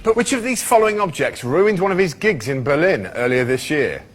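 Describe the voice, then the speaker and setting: A man's voice: fairly high pitch, sing-song, a little fast, faint music behind. A man hosting a comedy quiz panel show, asking cheeky, teasing questions. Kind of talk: quiz host banter. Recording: noisy studio with audience laughter.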